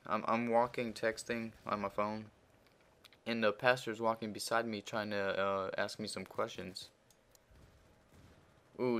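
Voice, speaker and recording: This teenage boy, a Russian-accented gaming commentator, rambles over gameplay with a crude, profanity-heavy story and many fillers. His male voice is fairly low and smooth. As he retells the argument, he grows louder and more worked up.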